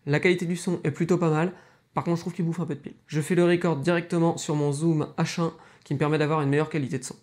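A man explains his setup quickly and matter-of-factly. His voice is a little high, and he speaks at a rapid clip. He is recorded close on a lapel mic. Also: level tone, a little mellow. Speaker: guest YouTuber.

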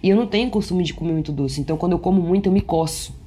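Earnest woman, low voice. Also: breathy edge. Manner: earnest, reflective, unhurried with soft asides. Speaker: emotional wellness speaker. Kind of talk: reflective talk to camera.

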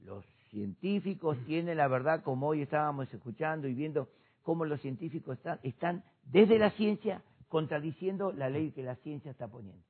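A man, a pastor discussing faith with impassioned preaching that rises to shouts. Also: on the high side, lively intonation, moderate pace, breathy edge. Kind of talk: church discussion program. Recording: tinny phone-like sound.

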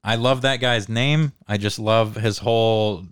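Chill podcast dude, lowish smooth voice, casual chat, swears a bit, says like a lot. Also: male voice, fairly even intonation, a little slow, dry recording, studio quality. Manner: laid-back, sweary, says dude and like often. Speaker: podcast co-host.

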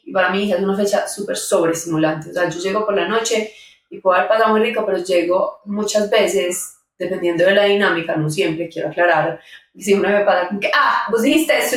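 A woman hosting a podcast, speaking candidly and chattily about her own family life. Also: mid-range voice. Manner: candid and chatty, shares personal stories. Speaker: podcast host. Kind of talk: casual interview chat. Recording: roomy sound, mic at a distance.

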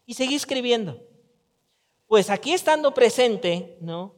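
A pastor delivers a sermon in a relaxed, talky way, slipping into little voiced quotes. His voice sits high for a man. The sound carries a long church-hall reverb. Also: measured pace. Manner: conversational preaching with acted-out quotes.

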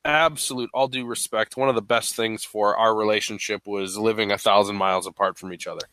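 A man's voice: fairly low pitch, steady tone, fairly quick, bright, forceful tone, no room sound. A man with a stuffy voice hosting a podcast in a playful, casual, chatty way. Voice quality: stuffy, congested-sounding. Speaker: podcast host. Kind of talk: casual chat.

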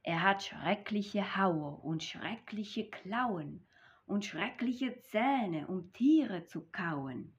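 A woman's voice: medium pitch, animated, very slow. Woman reading as a clever little mouse. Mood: bold. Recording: dull lo-fi recording.

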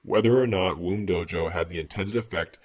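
Anonymous whistleblower played by a man, low husky voice under fuzz distortion, grave and measured, sci-fi audio drama. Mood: serious, measured. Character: fearful anonymous male research whistleblower, grave and urgent. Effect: distorted voice disguise with fuzz. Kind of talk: scripted science fiction monologue.

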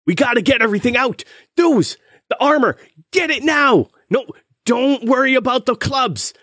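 A man voicing a gruff, harried male blacksmith foreman who barks orders and swears impatiently. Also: a little high, very slow, voice pushed up, exaggerated voice. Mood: impatient, yelling.

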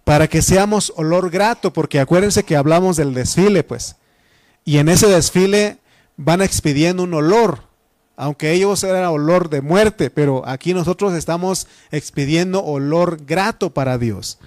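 A man's voice: on the high side, normal speed, a little mellow, no room sound. A Mexican man preaching a Bible study sermon in a teaching manner, repeating phrases and using frequent fillers. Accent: Mexican Spanish.

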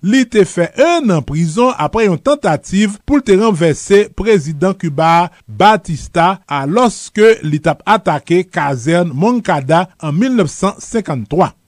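A male host with a Haitian accent narrates history from a script. His voice sits high for a man and swings in pitch with plenty of animation. The sound is close and dry. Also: animated, measured pace, hardly any pauses, dry recording.

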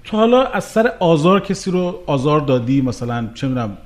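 A man's voice: on the high side, big pitch swings. A man conducting an interview, asking persistent, searching questions and often repeating the answers back. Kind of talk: probing interview.

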